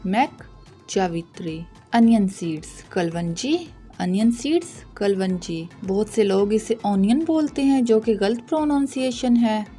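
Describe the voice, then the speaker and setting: A woman with a mellow, soft tone reads vocabulary aloud at a very slow, deliberate pace, repeating each term. She patiently points out common mispronunciations like a careful teacher. Faint music plays underneath. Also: mid-range voice, expressive. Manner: patient, deliberate, corrects pronunciation.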